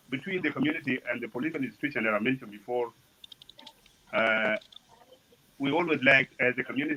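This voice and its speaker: A man who is a community leader giving a formal speech at an online event, pausing often with fillers. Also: medium pitch, pushed and bright, slight background noise, rough recording. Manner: halting, many fillers. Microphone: remote call audio.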